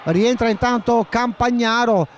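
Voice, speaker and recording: A man doing live play-by-play commentary of a futsal match, excitable and often shouting as the action builds. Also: very high voice, a little hiss or hum. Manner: excitable, shouts at key moments, names players rapidly.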